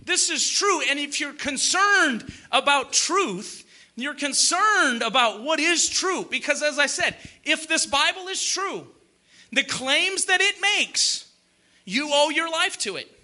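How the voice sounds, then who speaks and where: A man's voice: very high-pitched, expressive, slow pace, bright, forceful tone. A man preaching a sermon in a conversational way, full of emphatic rhetorical questions and repeated phrases.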